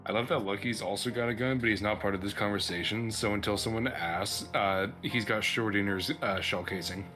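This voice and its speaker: A man player in a tabletop game, making chatty, amused asides. His voice is very low, and clear music plays under him. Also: a little fast, pushed and bright. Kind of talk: casual tabletop chat.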